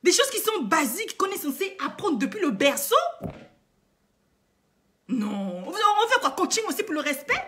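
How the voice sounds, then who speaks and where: Brief: woman vlogger with a high voice, indignant, lectures her viewers through repeated rhetorical questions. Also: big pitch swings, moderate pace, long pauses, fairly bright tone. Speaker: online coach and vlogger. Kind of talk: impassioned moralizing monologue to viewers.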